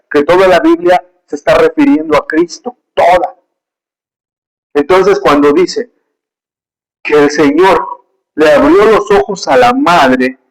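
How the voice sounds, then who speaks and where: A man's voice: a little high, rough recording. A man preaching a sermon with emotion and emphasis, telling personal stories, reading scripture aloud and calling his listeners brothers.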